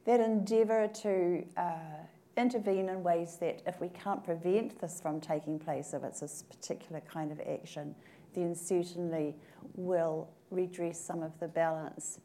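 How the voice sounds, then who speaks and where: A woman from New Zealand speaking on a panel, thoughtful and measured, pausing often to gather her words. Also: fairly low pitch, steady tone, warm tone. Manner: thoughtful, measured, with frequent pauses and fillers. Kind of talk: panel discussion. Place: conference room at a table.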